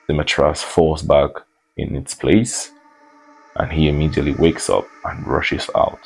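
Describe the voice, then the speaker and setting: Deep, gravelly storytime narrator man. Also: a little hiss or hum, rough recording. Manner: laid-back, joking asides between eerie retelling.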